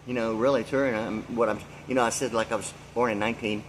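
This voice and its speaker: A man in his sixties talks fast in a fairly low, steady voice against a noisy background. He's a vlogger, and his monologue rambles along by free association, stuffed with fillers and loose asides.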